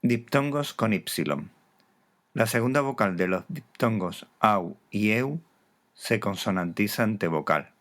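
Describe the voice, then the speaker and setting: A man's voice: lowish voice, lively intonation, unhurried, a bit bright. A man giving scripted instructional narration, carefully enunciating each example word. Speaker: teacher.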